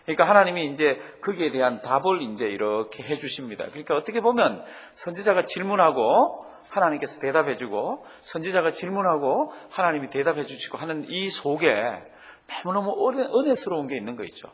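A man's voice: fairly high pitch, a little fast, breathy edge. A man who is a pastor, teaching a Bible study sermon and leading his congregation to read Scripture aloud with him. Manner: animated, leads congregation in reading aloud. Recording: long reverb of a hall.

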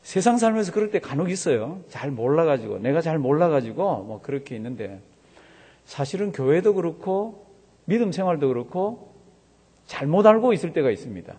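A man's voice: on the high side, sing-song, a little fast, a little mellow, slightly rough, long reverb tail. A male pastor preaching a sermon, asking the congregation questions and leading them through the scripture reading.

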